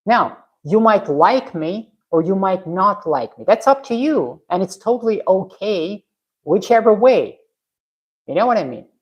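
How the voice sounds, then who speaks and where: A woman from Russia livestreams from her garage, casually answering viewers' comments in a medium-pitched, husky, expressive voice at a measured pace. The sound is lo-fi, and her manner is frank and blunt with many restarts.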